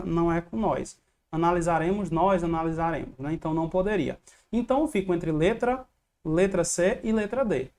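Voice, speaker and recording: Low-voiced woman teaching exam answers. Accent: Brazilian Portuguese. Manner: explanatory, checks in with students often. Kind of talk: online exam review lesson.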